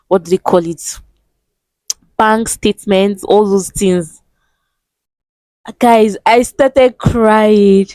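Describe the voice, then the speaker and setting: Nigerian woman telling a lively storytime. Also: mid-range voice, no room sound. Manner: lively storytelling with sudden exclamations; switches into Pidgin phrases. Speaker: vlogger. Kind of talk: storytime vlog.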